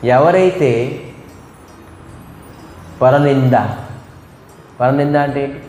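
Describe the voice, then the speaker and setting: A man's voice: medium pitch, drawn-out words, a little mellow. A man preaching a devotional storytelling sermon, asking and answering his own questions and imitating animal calls. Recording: echoey hall with faint music.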